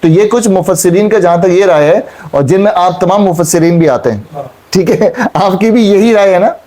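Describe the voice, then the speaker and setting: A man's voice: high-pitched, moderate pace, dark tone. A man teaching a Quran class, explaining verses and questioning his students, repeating key points. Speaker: Islamic teacher.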